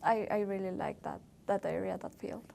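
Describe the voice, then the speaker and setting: A young woman from Ecuador, a native Spanish speaker, answering interview questions in English slowly and hesitantly, with many fillers. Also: mid-range voice, fairly even intonation, creaky, warm tone. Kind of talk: oral history interview.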